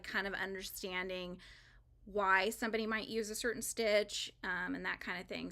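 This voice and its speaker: Her mid-range voice sounds pushed and bright. Running a crochet livestream, she rambles casually as she works, laughing often and using plenty of fillers.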